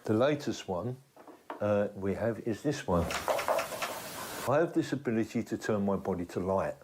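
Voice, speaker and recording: Man, spiritual healer, fairly low pitch, unscripted explanation to camera. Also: expressive, normal speed, background noise.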